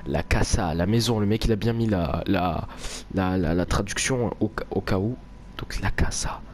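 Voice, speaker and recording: Crude horror game streamer, low voice. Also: male voice, normal speed, darkish tone. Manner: jokey, crude, rambling, swearing. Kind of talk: casual let's play commentary. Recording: noisy home game recording. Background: horror game ambience.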